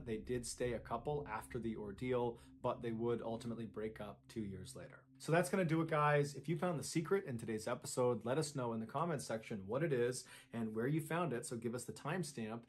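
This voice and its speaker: A man's voice: mid-range voice, a little hiss or hum. Man narrating a dramatic true story. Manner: animated, dramatic storytelling with rising emphasis. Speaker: storyteller host.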